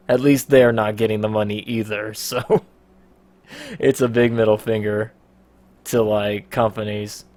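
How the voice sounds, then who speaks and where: Rambling, swearing podcast host. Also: male voice, on the low side, level tone, measured pace, long pauses, darkish tone, no room sound. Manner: rambling, swears, laughs often. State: out of breath. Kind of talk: casual podcast chat.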